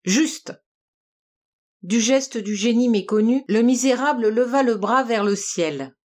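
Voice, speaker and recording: Woman narrating an audiobook, fairly high voice. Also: measured pace. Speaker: audiobook reader. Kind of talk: audiobook narration of a classic novel.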